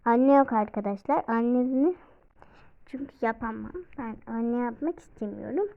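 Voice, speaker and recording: A young woman chatting casually as she plays a mobile life-sim game, excitable and apologetic, often exclaiming. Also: a little high, normal speed, gravelly. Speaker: game vlogger. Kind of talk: casual let's-play commentary. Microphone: phone. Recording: tinny phone-like recording.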